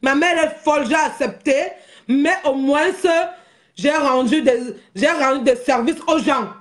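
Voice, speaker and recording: A woman's voice: sits high, a little slow. A woman, hosting an unscripted live stream and ranting animatedly, repeating herself and often laughing through her words. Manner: animated, repetitive, often laughing while talking.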